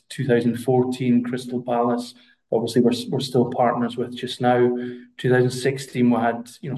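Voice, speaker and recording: A man's voice: medium pitch, darkish tone, low-quality recording. A Scottish man speaking as a guest on a podcast interview, hesitant and full of fillers and restarts. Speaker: brand representative guest.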